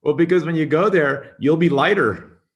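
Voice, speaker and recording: A man's voice: on the high side, moderate pace, dull audio. Easygoing male moderator. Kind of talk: casual discussion.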